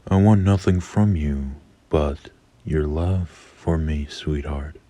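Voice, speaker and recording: Man playing a very deep, sweetly obsessive captor. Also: takes it slowly, dark tone. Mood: obsessively loving. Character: grown man captor, obsessively in love, falsely soothing. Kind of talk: horror yandere role-play.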